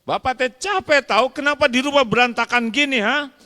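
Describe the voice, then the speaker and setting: A man voicing an exasperated, tired husband who rants at his wife in a loud, complaining voice. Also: extremely high pitch, fairly quick, pitched above the performer's own voice. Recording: long reverb of a large hall.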